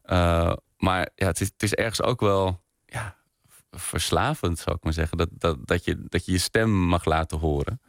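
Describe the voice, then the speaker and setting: A man's voice: low-pitched, steady tone, normal speed, dry recording, clean studio sound. A man being interviewed on a radio podcast, talking in a hesitant, self-deprecating way with lots of restarts. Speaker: podcast maker, interview guest. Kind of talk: relaxed radio interview chat.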